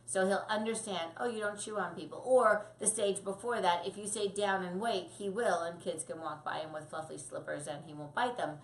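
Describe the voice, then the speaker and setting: A woman dog trainer giving casual tips to camera, lively and acting out quick voices for the puppy and the owner. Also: on the low side, reverberant.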